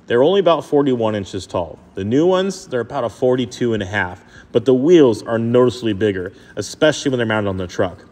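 A man narrating a truck build as a voice-over, relaxed and enthusiastic as he tells the story. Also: medium pitch. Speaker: truck builder and channel host.

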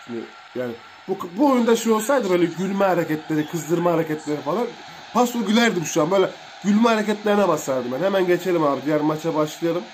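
A young man casually commentating a mobile wrestling game for viewers, excitable and slangy, calling out moves and reacting to hits. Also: high voice, quick pace, slight background noise.

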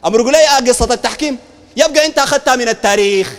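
Sudanese male preacher in a combative debate, strikingly high voice, long hall reverb. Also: very fast. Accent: Sudanese Arabic. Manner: combative, fires rhetorical questions, shouts at times. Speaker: Islamic preacher. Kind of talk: heated public debate.

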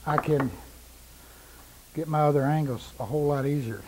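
On a lapel mic with a little hiss or hum and low quality, a middle-aged woodworking instructor demonstrates cuts amid the power saws of his shop. His voice is on the high side, steady in tone and normal in speed, and he speaks plainly, repeating points for emphasis.

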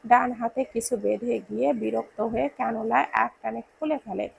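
Gravelly, husky female storyteller. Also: fairly high pitch, steady tone, normal speed, low-quality recording. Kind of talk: emotional story narration.

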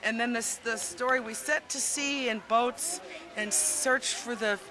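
A woman's voice: fairly high pitch, steady tone, measured pace. A woman in her fifties from the United States, answering an outdoor street interview into a handheld mic, rambling and thoughtful, searching for words. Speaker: interviewee, traveler on the bus. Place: outdoors at a busy public event. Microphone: handheld mic held by interviewer. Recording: crowd noise behind.

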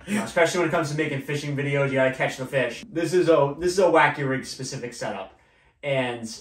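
This is a casual gear walkthrough from a young fishing-channel host, relaxed and chatty, mid-pitched, with many filler words. He's at a table in a small indoor room, captured by a distant camera mic that adds a roomy echo.

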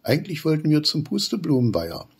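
Male reader voicing eager gnome boy, raised and lively, husky and breathy, storybook reading. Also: fairly high pitch, quick pace, pitched above the performer's own voice, full character voice. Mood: excited. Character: young excited male gnome child.

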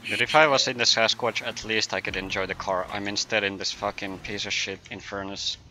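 Bright-voiced grumbling gamer man. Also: lowish voice, steady tone, a little fast, a little hiss or hum, poor audio. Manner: grumbling, sarcastic. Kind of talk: casual gaming banter.

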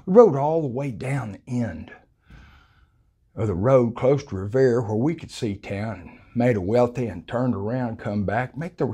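A dark, husky, mid-range voice belongs to an older man with a South Texas accent. He's telling a hunting story casually, folksy and colorful, acting out quoted voices, and the lapel mic picks him up in a small room.

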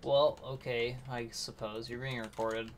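A man's voice: mid-range voice, level tone, a little slow, slight background noise. A man chatting casually while recording his gameplay, dry and self-deprecating, with a mumbling delivery. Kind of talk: casual chat while playing.

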